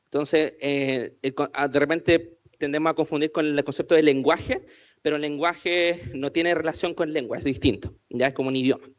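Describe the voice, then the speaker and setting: This is an interactive inclusion workshop led by a man whose voice sits on the high side, with fairly even intonation and a normal pace. He often asks "¿cierto?" and questions the audience a lot as he goes, and the recording is dull.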